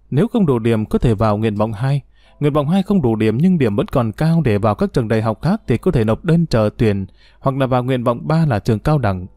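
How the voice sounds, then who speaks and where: A man narrating a story in a steady, even storytelling manner. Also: medium pitch, dry recording, clean studio sound. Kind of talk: audiobook story reading.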